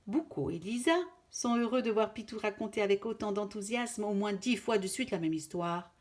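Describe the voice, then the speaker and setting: A woman reading a children's picture book aloud, gently, talking straight to a child. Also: mid-range voice, moderate pace. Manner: gentle, addresses a child directly. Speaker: storyteller.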